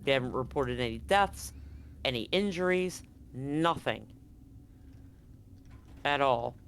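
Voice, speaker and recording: A woman with a rumbling low voice acts as game master for a tabletop game, narrating slowly with lively intonation. She's casual, blunt and conversational, and the live stream carries noticeable background noise.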